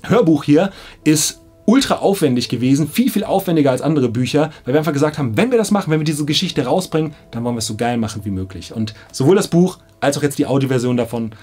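His voice sits on the high side, expressive and fast, a little mellow with a breathy edge. This audiobook director in his thirties explains casually to camera with slangy enthusiasm, from a small indoor studio control room with background music.

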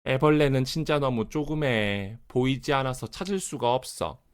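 A man's voice: mid-range voice, normal speed, smooth, close to an everyday voice. Man voicing a playful, carefully enunciating storybook rabbit. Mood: tired, grumbling. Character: playful young rabbit playmate, easily fed up.

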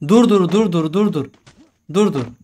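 A man in a team voice chat during a shooter game, shouting quick, urgent commands to his squad. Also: sits high. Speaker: gamer streamer.

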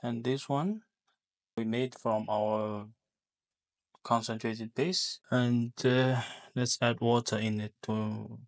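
A man talking through a hands-on laundry test at a lab bench, unscripted, with many pauses, fillers and restarts. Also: mid-range voice, fairly even intonation. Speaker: product demonstrator.

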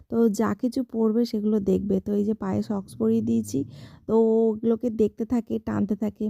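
A woman's voice: a little high, vocal fry, mellow, no echo, clean studio sound. A woman chatting fondly as a mother in a casual home vlog, using "to" as a filler. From Bengal. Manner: fond, chatty, repeats "to" as a filler. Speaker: mother vlogger.

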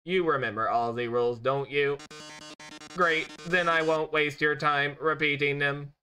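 A man's voice: a little high, fairly even intonation, pushed and bright, faint music behind. A man doing a put-on robot voice for a showy, taunting male robot TV host during gameplay commentary. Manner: theatrical, mocking, drawn-out taunts.

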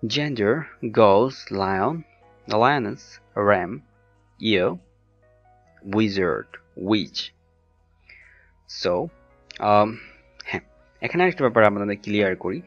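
A man's voice: lowish voice, gravelly, husky. A man from Bangladesh teaching an online English lesson, reading out word lists with many fillers. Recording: dull lo-fi recording with faint music.

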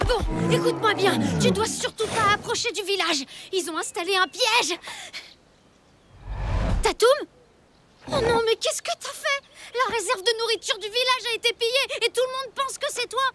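A woman voicing Tib, an earnest, defiant young boy in an animated series who sticks up for his dinosaur friend. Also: very high-pitched, normal speed, a little hiss or hum. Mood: urgent. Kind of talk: French cartoon dub acting.

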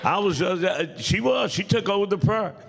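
A man preaching a sermon and telling a story. He builds from calm storytelling to shouted praise. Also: high-pitched, moderate pace, vocal fry. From Tennessee, United States. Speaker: pastor. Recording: long reverb of a church hall.

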